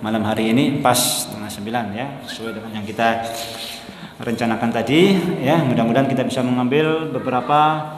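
Preacher in echoey hall. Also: male voice, mid-range voice, fairly even intonation, a little fast, background noise. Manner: conversational, repeats points, mixes in Javanese words. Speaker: Islamic preacher. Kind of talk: sermon. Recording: echoey hall, faint ambience.

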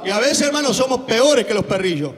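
Fiery high-voiced preacher. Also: male voice, animated, brisk, in a large hall, some chatter behind. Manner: fiery, shouting, peppered with hallelujahs. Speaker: evangelist preacher. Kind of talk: sermon.

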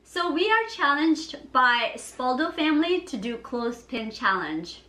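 A high, unhurried voice of a woman. She chats casually as a video host in her thirties, recorded in an echoey kitchen a little way from the camera. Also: big pitch swings, bright, forceful tone. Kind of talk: casual challenge vlog chat. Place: indoor kitchen at a counter. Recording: echoey room, background noise.

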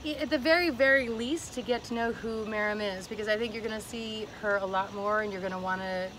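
A woman's voice: mid-range voice, fairly quick, fairly bright tone, a little hiss or hum, rough recording. A woman hosting a casual chat show, enthusiastic and chatty, often restarting her sentences. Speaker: host and show creator. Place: hot tub.

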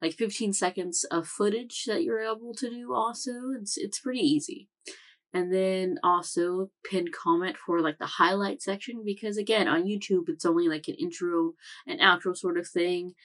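Rambling from her room, the young woman behind an anime reaction channel delivers a casual recap peppered with fillers and self-corrections. She talks at a normal pace in a lowish, fairly bright voice.

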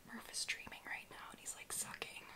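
A woman in her twenties whispering and speaking softly as she hosts a personal-attention ASMR session. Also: brisk. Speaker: ASMR host giving a massage. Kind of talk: soft-spoken whispered ASMR. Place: small bedroom, indoors.

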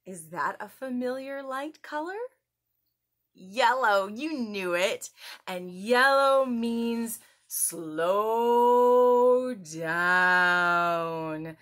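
Talking extremely slowly with lively intonation, a woman in her thirties leads a children's story time from a small indoor room at home. She addresses young viewers directly, asking exaggerated, encouraging questions, her voice a little high and a bit bright.

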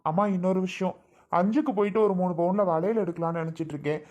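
A woman's voice: fairly low pitch, quick pace, a little mellow, close to an everyday voice. A woman playing a protective young husband who scolds his sister and comforts his wife in a family skit. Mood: casual. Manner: scolding, exasperated.

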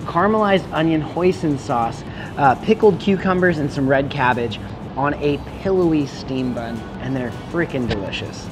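On restaurant patios and city streets, a man in his thirties hosts a casual food vlog, chatting enthusiastically about dishes and restaurants. His voice is on the high side and his pace moderate, with music playing behind him.

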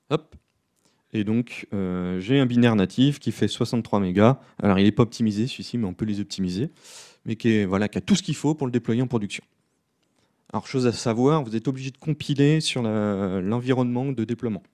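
A man giving a live coding talk at a conference, relaxed and self-deprecating, with many fillers. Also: on the low side. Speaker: conference speaker. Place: conference room.

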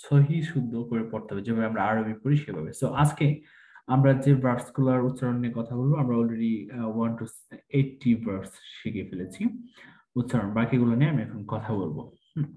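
A man's voice: medium pitch, brisk, warm tone, reverberant, low-quality recording. A man teaching English pronunciation online, repeating each word aloud and mixing English into his explanations.

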